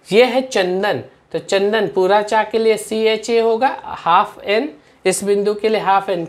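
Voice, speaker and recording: A woman teaching a spelling lesson, sounding out words slowly and putting quick questions to her students. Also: mid-range voice. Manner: drills words slowly and asks the class questions.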